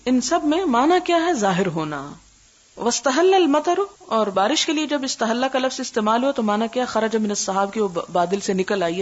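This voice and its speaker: Older woman teaching a hadith lesson. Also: fairly high pitch. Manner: explains Arabic words and asks the listeners questions; recites Arabic slowly before explaining it. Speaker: Islamic scholar teaching hadith. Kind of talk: religious lesson. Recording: dull lo-fi lecture recording.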